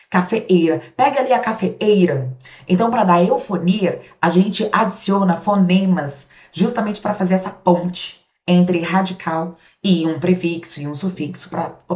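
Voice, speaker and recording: A woman with a Brazilian Portuguese accent gives a grammar lecture in a lowish, darkish voice. She poses questions and answers them herself, casually checking in with the class, and the audio sounds roomy, dull, and lo-fi.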